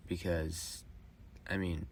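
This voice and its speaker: A young man in his late teens speaks a rambling personal monologue into a phone voice memo. His talk is halting, with restarts and fillers. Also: deep voice, level tone, vocal fry, slight background noise. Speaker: vlogger.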